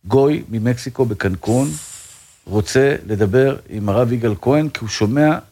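A rabbi talking in an interview, earnest and fervent, with frequent religious phrases and restarts. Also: male voice, mid-range voice, warm tone. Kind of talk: casual interview talk.

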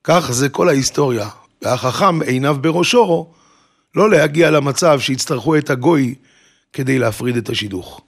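Gravelly-voiced male preacher telling stories. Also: medium pitch. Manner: animated storyteller, acts out characters. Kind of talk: storytelling sermon.

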